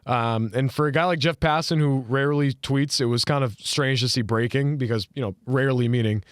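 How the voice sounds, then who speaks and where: A man's voice: medium pitch, a little fast, dry recording, clean studio sound. A man hosting a sports podcast in casual chat, rambling with lots of fillers and restarts. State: hiccuping. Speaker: podcast host.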